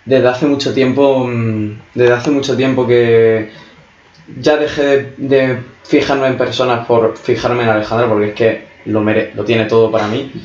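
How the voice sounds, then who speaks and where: A young man chats casually, loose and jokey, with swearing sprinkled through his talk. His voice sounds dull and lo-fi, in a room that echoes. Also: medium pitch. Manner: relaxed, joking, swears often. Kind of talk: casual chat.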